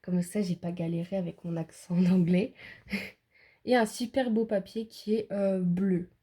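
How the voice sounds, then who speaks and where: Soft, husky woman describing items. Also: fairly low pitch, steady tone, unhurried. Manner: hesitant, describes items with many fillers. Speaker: co-presenter showing cards. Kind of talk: casual show-and-tell.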